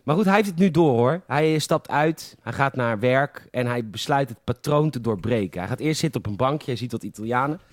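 A Dutch man co-hosting a casual film podcast, walking through scenes one after another and slipping into the characters' lines as he goes. His voice sits at an ordinary middle pitch. The recording is close and dry. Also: lively intonation, fairly quick, hardly any pauses, no echo. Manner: retells scenes at length, acting out quoted lines. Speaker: podcast co-host.

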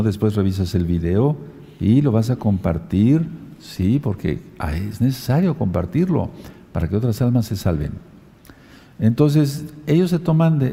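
A man preaching a sermon, dictating letters and verse numbers slowly and urging listeners to underline passages. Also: on the low side, gravelly, warm tone, in a large hall.

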